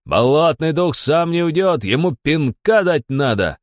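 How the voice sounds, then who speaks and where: A man voicing a bossy male devil who barks brisk commands in a storybook reading. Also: on the high side, expressive, no room sound, studio quality, voice pushed up. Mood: barking. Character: bossy male devil posing as a bathhouse zealot.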